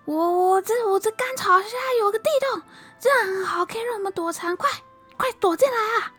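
A woman doing a wily old monk from a spoken folk tale, measured and unhurried in his speech. His voice is breathy and airy. Faint music plays underneath. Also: sits high, heavily acted. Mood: panicked. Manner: slow, calm chanting, turning frantic.

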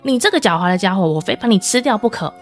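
Woman playing a proud big male tiger in a kids' storybook, blustering and loud-mouthed. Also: mid-range voice, lively intonation, fast talker, faint music behind. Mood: angry. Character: boastful strong male tiger, later furious.

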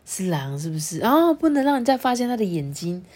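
A woman's voice: fairly quick, slightly rough. A woman with a Taiwanese Mandarin accent reading a picture book aloud to her child, breaking off to ask questions and explain the story. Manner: expressive, sweeping pitch for drama, often quizzes the child. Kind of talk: storybook reading with chatty commentary.

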